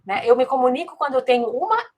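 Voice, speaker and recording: A woman's voice: sits high, big pitch swings, quick pace, a little mellow. A woman with a Brazilian accent giving a spontaneous lecture as a course instructor, reflective and hesitant, often checking for agreement. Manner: reflective, hesitant, seeking agreement with tag questions.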